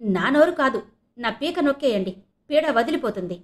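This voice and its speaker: A woman voicing an outraged middle-aged mother in an audio novel reading, shrill and dramatic. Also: normal speed, close to an everyday voice. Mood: furious. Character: furious middle-aged mother shouting at her husband.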